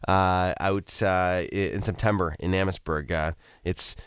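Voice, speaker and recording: A man with a hoarse morning voice, hosting a casual radio show in the studio and rambling with many fillers. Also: low voice, fairly even intonation, unhurried, dry recording. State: hoarse voice after a concert. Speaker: radio show host and real estate broker. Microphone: studio microphone.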